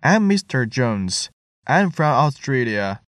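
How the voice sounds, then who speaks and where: Slow, deliberate man reading test items. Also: medium pitch, big pitch swings, a bit bright, no room sound, studio quality. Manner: deliberate, each sentence read twice. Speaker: listening test reader.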